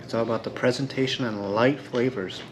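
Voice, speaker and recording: In his thirties, a food vlogger narrates casually while dining at Kyoto restaurants, both indoors and outdoors by the river, holding the camera at arm's length. His medium-pitched voice is steady and fairly quick, with a little hiss or hum in the audio. Enthusiastic and upbeat, he savors every bite with appreciative hums and keeps calling out "guys" to his viewers.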